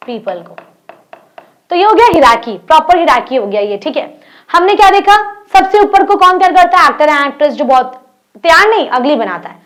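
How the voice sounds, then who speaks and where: A young Indian-accented woman teacher explains an English textbook story in Hindi, her voice high-pitched. She reads the English lines slowly and puts questions to her students.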